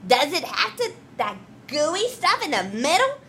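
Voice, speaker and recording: Kobieta grająca chciwy, marudny ząb. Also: female voice, sits high, wildly swooping pitch, unhurried, pushed and bright, slight background noise, heavily acted. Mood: demanding. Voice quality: whiny, demanding, impatient. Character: pushy greedy talking sweet tooth, male. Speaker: teacher. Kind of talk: reading a story aloud.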